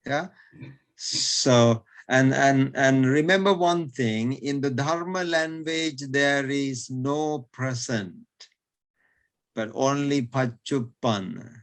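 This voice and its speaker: A man's voice: mid-range voice, takes it slowly. A male teacher explaining in an online lesson, hesitant, repeating words with many fillers and chuckling between points.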